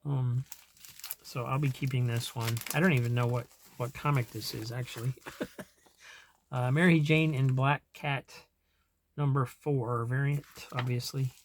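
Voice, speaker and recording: A man's voice: medium pitch, steady tone, unhurried, slight background noise. A man in casual chat as a comic collector vlogger, rambling, trailing off and chuckling to himself as he goes.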